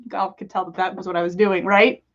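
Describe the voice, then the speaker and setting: A woman hosting a livestream reads listener stories and chats casually, playful and giggly throughout. She speaks fast at a medium, level pitch with a fairly bright tone, though the audio sounds dull.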